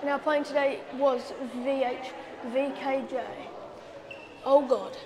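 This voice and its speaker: A woman's voice: high-pitched, fairly even intonation, slow pace, noisy background. A woman giving casual travel vlog commentary with dry, sarcastic asides, recorded on a handheld camera. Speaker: travel vlogger. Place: airport terminal and plane cabin.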